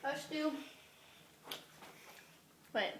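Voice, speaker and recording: Young female amateur vlogger, silly and giggly, slow-paced, with noticeable room noise on a phone recording. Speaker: amateur video maker. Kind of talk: casual chat to camera. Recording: echoey room, clear background noise.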